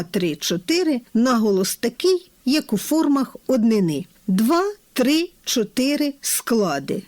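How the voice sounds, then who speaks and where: Lively-voiced woman teaching word stress. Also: medium pitch, no room sound. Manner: careful, deliberate articulation, slowing down to list words. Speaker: linguistics professor. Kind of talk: explanatory language lesson.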